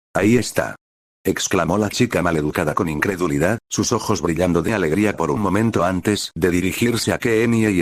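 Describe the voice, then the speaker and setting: A man narrates a story aloud in a steady, even way. His voice is very low. The sound is dry and close, with no room echo.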